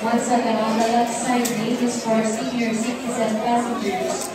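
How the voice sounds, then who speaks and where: Flat, echoey female airport boarding announcement. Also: fairly high pitch, moderate pace. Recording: echoey distant PA with music and crowd.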